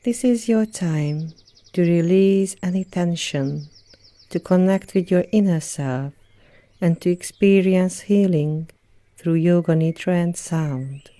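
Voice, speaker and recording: Against a backdrop of birds and other nature sounds, a woman with a fairly low voice leads a yoga nidra session. She speaks softly and calmly as the instructor, letting long silences fall between her phrases.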